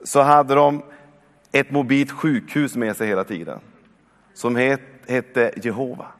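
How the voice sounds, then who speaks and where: A man in his forties delivers a sermon in a church hall. His voice carries a long reverb, and he keeps urging his listeners on with calls of "come on". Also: mid-range voice. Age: 40s. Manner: warm, exhortative, with repeated calls of "come on". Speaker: preacher.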